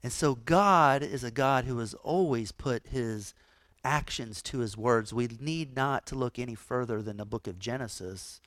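Male pastor, sermon delivery, animated storytelling, mid pitch, dry mic. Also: a little slow, no echo. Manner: animated storytelling, acts out quoted voices.

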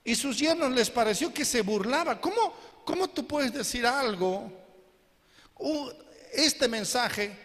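High-voiced male pastor in a reverberant hall. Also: lively intonation, slow, a bit bright. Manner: asks the congregation questions again and again. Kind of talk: sermon.

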